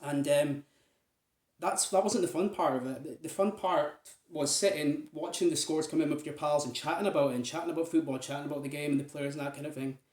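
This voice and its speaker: This vlogger's voice is a little high and darkish, and he speaks briskly in a reverberant space. A Scottish man from Aberdeen, he rambles casually to his viewers with lots of fillers.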